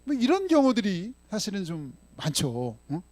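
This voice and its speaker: A male pastor preaching in a chatty way. He acts out dialogue and leads slow unison scripture readings. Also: high voice, huge pitch swings, darkish tone, no echo. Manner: often ends phrases with a questioning "응?" or "예?". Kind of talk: sermon.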